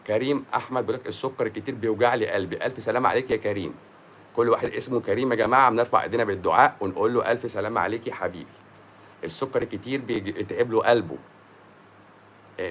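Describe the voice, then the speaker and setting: A man's voice: on the low side, a bit bright, a little hiss or hum. A man with an Egyptian accent, a doctor giving a blunt, scolding monologue on a live stream and mixing English words into his speech.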